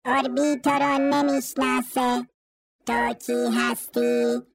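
A woman's voice: high voice, little pitch movement, husky, no room sound. Orbi, a woman voicing a naive little robot. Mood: earnest. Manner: simple, earnest, refers to itself in third person. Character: little naive trusting robot, speaks of itself by name. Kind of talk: audiobook character reading. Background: background music.

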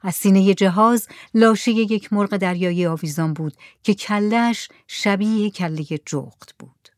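A woman narrates a literary story in a soft, hushed delivery that often sinks nearly to a whisper. Her voice sits in a middle register and is recorded close and dry, with no room echo. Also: mid-range voice. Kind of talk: reading a literary short story aloud.

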